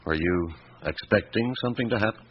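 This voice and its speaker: An actor playing a patient, probing police inspector in a radio drama, measured and wry in manner. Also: male voice, on the low side, slightly rough. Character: probing, patient male police inspector, middle-aged or older. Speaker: police inspector questioning suspects. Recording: dull, noisy old radio recording.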